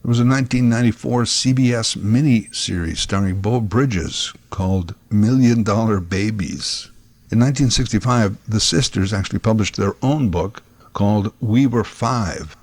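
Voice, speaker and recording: A man's voice: lowish voice, normal speed, a little mellow, no room sound. A man giving scripted documentary narration in a conversational way, recorded on a close microphone.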